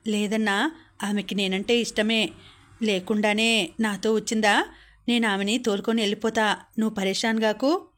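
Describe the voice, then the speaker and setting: A woman voicing a rough young man who orders people about in an audiobook story. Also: mid-range voice, fairly even intonation, moderate pace, fairly bright tone, close to an everyday voice. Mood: insistent. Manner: rough, commanding.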